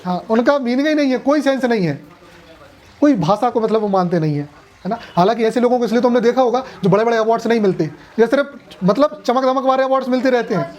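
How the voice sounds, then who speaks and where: A man's voice: extremely high pitch, fast, darkish tone. A man teaching a classroom lecture at a coaching class, chatty, joking and often asking students questions.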